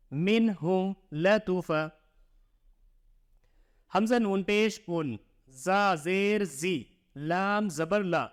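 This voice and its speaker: A male teacher in a Quran reading lesson, spelling out each letter and vowel mark slowly, then joining them into words, with quicker plain explanations between drills. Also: high voice, clean tone. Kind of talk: slow spelled-out recitation lesson.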